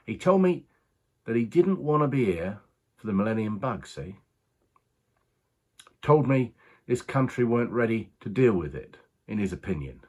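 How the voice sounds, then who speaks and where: Here a man voices a husky, low, slightly mellow racing man: a rueful working-class Briton sharing an odd tale in confidence. Reflective in mood, this conversational monologue is colloquial and halting, broken by pauses.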